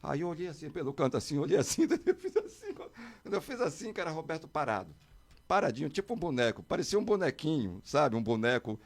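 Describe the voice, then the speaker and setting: A middle-aged man, telling a story as a podcast guest and acting out quotes in a high, excited voice. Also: fairly quick, no echo. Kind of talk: animated storytelling.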